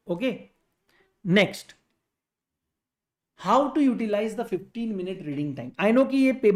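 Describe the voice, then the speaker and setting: A young man teaching an online exam-prep lecture, giving direct, fatherly advice to students and switching between Hindi and English. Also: high voice. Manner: mixes Hindi and English, calls students "beta".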